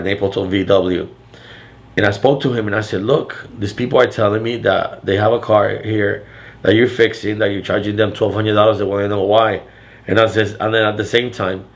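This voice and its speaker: An older man with a deep, loud voice, telling a rambling story in a casual vlog, restarting sentences often. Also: gravelly. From Florida. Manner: rambling with frequent restarts and fillers. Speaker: vlogger.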